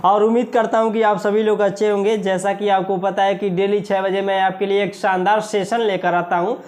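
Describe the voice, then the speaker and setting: A man with an Indian accent teaching a maths lesson for exam preparation, repeating key words slowly and asking the class questions. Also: high-pitched, little pitch movement. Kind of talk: exam-prep video lesson.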